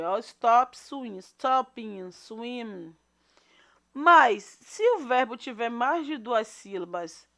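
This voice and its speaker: A woman leads a recorded grammar lesson in a slightly high voice. She is patient and repeats each example, checking in with her students after every point. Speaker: English teacher.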